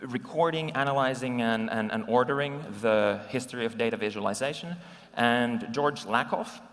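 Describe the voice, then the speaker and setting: A man's voice: medium pitch, moderate pace, fairly bright tone. A man in his forties from Finland giving a conversational conference talk with slides, with frequent ums and restarts, recorded live in a conference hall. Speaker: conference speaker.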